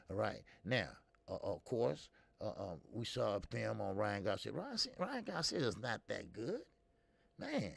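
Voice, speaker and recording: A man's voice: on the low side, creaky, no room sound. A man in his fifties hosting a casual boxing talk stream, blunt and talkative, answering viewers' comments as he goes. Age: 50s. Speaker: boxing show host.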